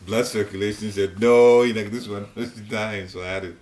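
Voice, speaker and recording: Here an older man from Ghana leads a devotional class in his living room, using a fairly low, darkish voice with fairly even intonation and a moderate pace. In his Ghanaian accent he gives informal spiritual teaching, rambling chattily with chuckling asides. He is seated, picked up by a far-off room recorder, and the home recording is roomy with faint hiss.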